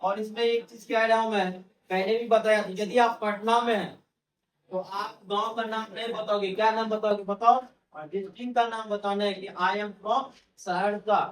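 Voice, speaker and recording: Recorded far from the mic in an echoey classroom, a man teaching English speaks at normal speed in a high, steady voice. He keeps firing questions at the students and repeats his main phrases as he lectures.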